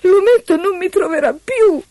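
A woman voicing a frightened young maiden in a fairy tale, pleading in a drawn-out way, with music playing behind. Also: a little high, lively intonation, background noise, voice pushed up.

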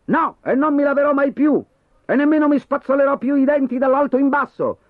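A man voicing a rude, defiant boy in a storybook reading, with a high, strained childish voice and an insolent manner. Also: animated, brisk, dry recording. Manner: shouting, insolent. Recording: dry, tinny phone-like sound.

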